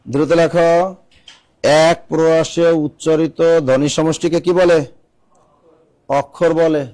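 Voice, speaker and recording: A man's voice: fairly high pitch, fairly even intonation, measured pace, a little mellow. A male teacher giving a classroom lecture, repeating key phrases and quizzing his students. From Bangladesh.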